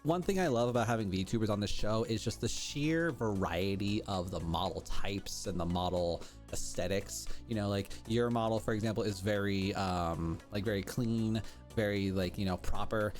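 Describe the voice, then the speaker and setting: A man's voice: fairly low pitch, moderate pace, darkish tone. Effusive man hosting, music underneath. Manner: effusive, wordy, frequent "like". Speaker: podcast host. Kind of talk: casual interview chat. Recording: music behind the voice. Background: background music.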